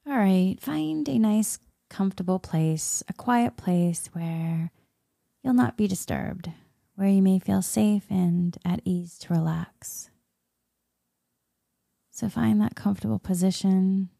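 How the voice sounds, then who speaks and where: A woman leading a guided meditation in a soft, soothing spa-like murmur that often slips into a whisper. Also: mid-range voice, takes it slowly, creaky, no echo, clean studio sound. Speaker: guided meditation leader, Reiki healer.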